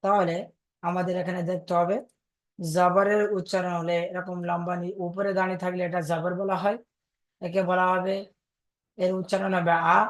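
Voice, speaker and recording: A man's voice: high-pitched, little pitch movement, moderate pace, no echo. Patient male teacher drilling pronunciation. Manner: patient, repeats each point and quizzes students. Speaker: Quran reading teacher. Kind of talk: online Arabic reading lesson.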